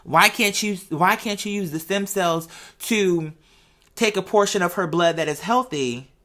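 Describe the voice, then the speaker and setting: This show host is a woman whose fairly low voice carries a slight brightness, and she talks at a measured pace without a script. Her casual monologue to followers wanders conversationally, with rhetorical questions and frequent checks that the listener is following.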